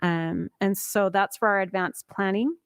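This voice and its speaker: A woman's voice: medium pitch, steady tone, a little slow, clean tone, no room sound. A woman with a mid-range voice chairs a board meeting. She reads out items informally, and the sound is dry, with almost no room in it. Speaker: school board president chairing.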